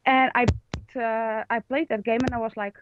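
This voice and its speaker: A woman's voice: fairly high pitch, flat delivery, normal speed, over music. Woman caller on a tinny crackly line that drops out, kinda hesitant, lots of uhs. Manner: hesitant, with frequent fillers. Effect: crackly call line cutting in and out. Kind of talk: casual call-in chat. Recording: tinny, dry call line.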